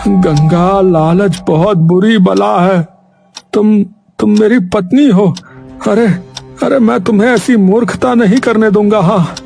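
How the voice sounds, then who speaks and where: A timid, cautious village blacksmith as an actor plays him in a cartoon story. His voice is high for a man and gravelly, and he talks slowly, pleading and throwing in "arre". Soft music plays behind him. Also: exaggerated voice. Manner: pleading, uses "arre" filler.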